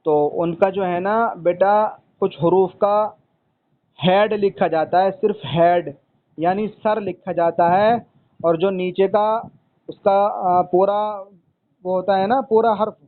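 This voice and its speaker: Heard through phone-quality sound, a high-sitting male voice guides a student through reading Arabic letters, patiently going over points again and calling him son.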